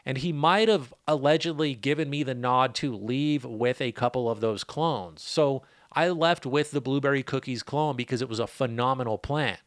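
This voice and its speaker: Rambling casually, the easygoing middle-aged host of a podcast, who grows cannabis, drifts between topics with joking side comments. He speaks at a moderate pace in a mid-range voice, pausing only a little, and the close mic sounds dry.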